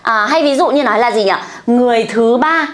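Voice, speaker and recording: A woman's voice: fairly high pitch, brisk. A Vietnamese woman teaching a lesson, asking questions and answering them herself, drawing out the words she models. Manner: asks and answers her own questions, playful. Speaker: Chinese teacher. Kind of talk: online language lesson.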